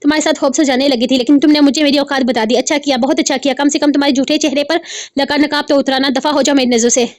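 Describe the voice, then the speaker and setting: A woman reading aloud as a furious, distraught young woman, hurling accusations in a quick, high voice. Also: steady tone, lightly acted. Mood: bitter. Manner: shouting accusations.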